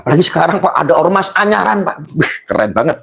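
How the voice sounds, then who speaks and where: A high-pitched man with a Javanese accent and a gravelly, fry-laden edge pleads with the authorities. He often breaks into shouts, his voice charged with emotion. This is a passionate appeal from a tolerance activist. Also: sing-song, fast. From Java, Indonesia. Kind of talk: impassioned appeal to police.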